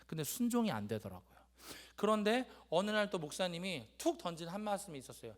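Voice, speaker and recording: A young man giving a church testimony, telling his story in a lively way and acting out his father's gruff lines. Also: sits high, fast. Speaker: youth speaker giving a testimony. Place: church sanctuary.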